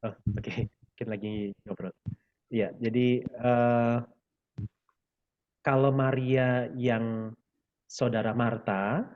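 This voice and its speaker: A man leading a Bible study, patiently explaining scripture to group members and filling pauses with "eh". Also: medium pitch, steady tone, muffled recording, a little hiss or hum. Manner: patient, explanatory, frequent fillers.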